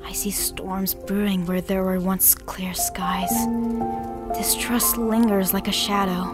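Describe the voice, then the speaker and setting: A woman playing a gentle, earnest young pony princess who tells fortunes in a radio drama. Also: mid-range voice, little pitch movement, takes it slowly, over loud music, close to an everyday voice. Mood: solemn, mystical.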